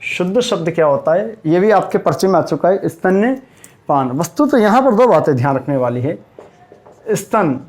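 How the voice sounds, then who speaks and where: Hindi teacher drilling words at a whiteboard. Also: male voice, high voice, animated, normal speed, a little mellow. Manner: asks rhetorical questions and answers them himself; calls listeners "sir" and "buddy" in a friendly way. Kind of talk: whiteboard lecture for exam students.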